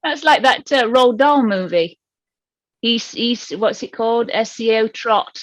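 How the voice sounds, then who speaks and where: A woman's voice: fairly high pitch, animated, unhurried, fairly bright tone, dull audio. A woman co-hosting a casual, chatty interview show over a video call. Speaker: co-host.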